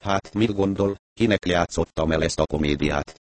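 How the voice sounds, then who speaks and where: Guy doing a cool detective, a bit mocking, deep voice, dry close sound. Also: dry recording, lightly acted. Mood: calm reasoning. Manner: patient, mildly mocking reasoning.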